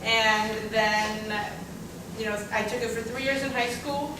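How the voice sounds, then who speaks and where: Speaking slowly and flatly in a somewhat high voice, this young adult woman from Russia shares a casual personal story on a panel. Russian is her first language, and she fills her talk with fillers and side remarks. Background noise, echo, and distance from the microphone mark the recording.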